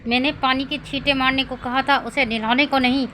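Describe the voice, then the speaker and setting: A woman's voice: high-pitched, fairly even intonation, fairly quick, bright, forceful tone, slight background noise. A woman voicing a hot-tempered young father who scolds his sons in a snappy way, in a read-aloud story. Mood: angry.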